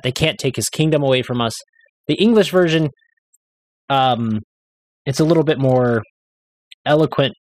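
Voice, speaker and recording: A man co-hosting a podcast in casual chat, reading a translated text slowly and carefully, with a few stumbling restarts. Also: mid-range voice, no room sound, poor audio. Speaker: podcast co-host.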